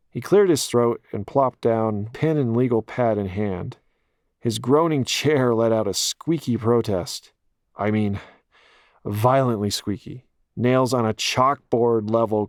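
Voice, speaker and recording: A man's voice: mid-range voice, darkish tone, no echo, studio quality. A man narrating a first-person audiobook in a wry, self-deprecating way, with profane asides.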